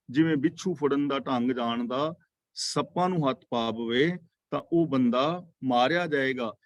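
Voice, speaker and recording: A man leads a scripture class over an online call, fairly high in pitch. He tells stories and explains each verse line by line. The sound is dry and close, with no room echo. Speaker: Sikh religious teacher. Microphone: online video call.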